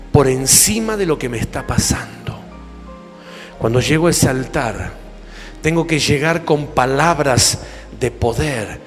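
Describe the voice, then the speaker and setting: A man preaching a sermon in Argentine Spanish, fervent, firing rhetorical questions at the congregation. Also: medium pitch. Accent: Rioplatense Spanish. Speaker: apostle preaching. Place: church hall. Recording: long reverb, music behind.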